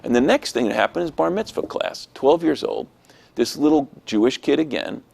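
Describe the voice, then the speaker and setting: Animated man with a gravelly voice. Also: a little high, moderate pace. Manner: animated, acts out quoted voices. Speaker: interviewee. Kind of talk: personal testimony storytelling.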